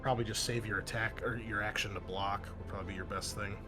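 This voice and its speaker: Acting as game master for a tabletop roleplaying game, a man thinks aloud, making up action and rulings on the fly with casual profanity. His lowish voice is steady and fast, set against loud background music.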